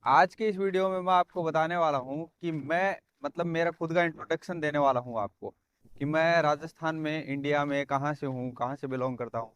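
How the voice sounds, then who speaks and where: Man, earnest casual vlog, smooth resonant voice, young adult. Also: fairly high pitch, fairly quick, a bit bright, dry recording. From Rajasthan, India. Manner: earnest, repeats phrases, says "bhai" often. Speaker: vlogger.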